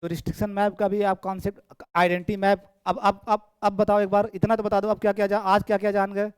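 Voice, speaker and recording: एक पुरुष गणित शिक्षक कक्षा में पढ़ा रहे हैं, बातें दोहराते हुए और छात्रों की कॉपियाँ जाँचते हुए।. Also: male voice, high-pitched, flat delivery, fast, smooth, dry recording. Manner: chatty, repeats phrases, checks students' work aloud. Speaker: maths teacher. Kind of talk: classroom lecture. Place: classroom. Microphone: camera in room.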